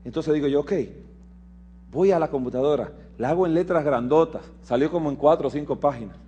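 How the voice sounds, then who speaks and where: A man delivers a lecture in the cadence of a sermon, his voice pitched somewhat high for a man. He tells personal stories, playing out each exchange, slipping into hushed asides before building to loud, emphatic lines. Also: fairly quick, dull audio, slight background noise. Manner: animated storyteller who acts out dialogue and swings from hushed asides to loud emphasis. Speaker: health lecturer at a Bible prophecy school.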